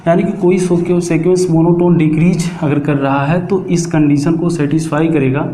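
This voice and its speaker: A man teaching a math lesson, explaining step by step and answering his own questions as he goes. He slows right down when he dictates formulas. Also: fairly high pitch, fairly even intonation, dark tone. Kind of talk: classroom lecture. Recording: echoey room, faint background noise.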